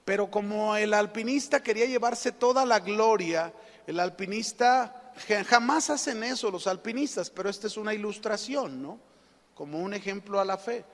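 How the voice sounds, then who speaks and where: A Mexican pastor preaches in a notably high voice, spinning a story with lively animation. He keeps pulling the congregation in with questions, and his words carry a long reverb through the church hall. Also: normal speed. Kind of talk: sermon.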